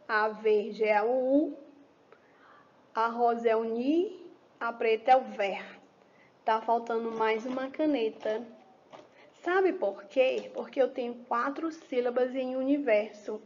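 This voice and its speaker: Slow, patient woman teacher, higher voice. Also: darkish tone, dull audio. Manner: slow, patient, asks and answers own questions. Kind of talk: children's lesson explanation.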